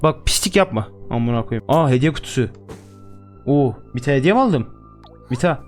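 Young man, crude swearing gamer commentary, mid pitch. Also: animated, moderate pace, soft background music. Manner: crude, joking, swears constantly. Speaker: gaming YouTuber. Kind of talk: let's-play commentary.

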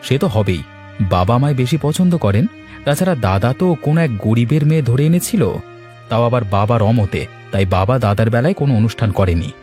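A man's voice: mid-range voice, expressive, quick pace, a little mellow, soft background music, lightly acted. A man voicing a hot-tempered newly married young man in a cartoon, blunt and angry. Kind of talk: cartoon voice acting.

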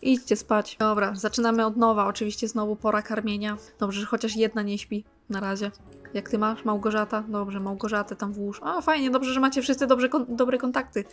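A woman's voice: mid-range voice, fairly even intonation, a little fast. A young woman commenting on her gameplay in a casual, exasperated way, scolding the characters on screen with sarcastic asides. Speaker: gaming channel host.

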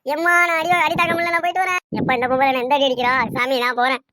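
A woman's voice: mid-range voice, fast, a bit bright, close to an everyday voice. A woman voicing a cocky young man who brags and teases in a cartoon. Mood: wailing. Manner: brash, boastful, mocking. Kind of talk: cartoon voice acting.

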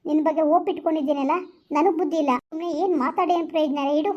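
Skit: woman playing a hurt young girlfriend, very high, fast and reproachful, dull lo-fi sound. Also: fairly even intonation, a little mellow, close to an everyday voice. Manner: reproachful, repeats herself. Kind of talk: village skit phone-call acting.

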